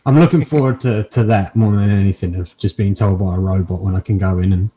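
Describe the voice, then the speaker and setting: Mellow, low-voiced man joking dryly. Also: fairly even intonation, fast. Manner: self-deprecating, dry joking, sweary. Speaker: podcast host. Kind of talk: casual comic chat.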